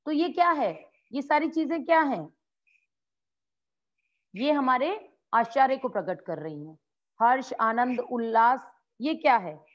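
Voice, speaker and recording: A woman's voice: a little high, takes it slowly, pauses often, dull audio. A woman teaching a grammar lesson to a class as a school teacher, asking and answering her own questions and acting out example exclamations. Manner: acts out example exclamations with lively swings in tone.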